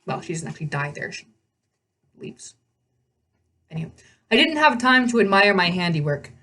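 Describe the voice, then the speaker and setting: A woman reading a novel aloud with animated delivery, often stumbling and correcting herself. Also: mid-range voice, normal speed. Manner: animated reading, frequent slips and self-corrections. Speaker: read-aloud host.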